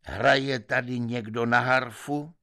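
A man voicing a stern old king with a harp, who talks gruffly and commands the people in front of him, in a radio story reading. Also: medium pitch, steady tone, pushed and bright, no echo, clean studio sound, pitched above the performer's own voice.

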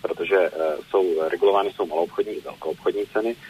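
A man's voice: sits low, slightly rough, dull audio. A man speaking as a telecom regulator in a news interview, explaining at length with many hesitations and fillers.

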